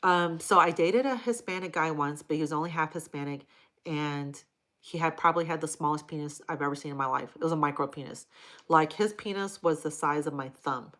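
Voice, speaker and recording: A woman's voice: low voice, a little fast, a bit bright. A woman from Hawaii hosting a live stream, reading viewer comments aloud and answering them in a blunt, crude, casual way. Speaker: livestream host answering chat.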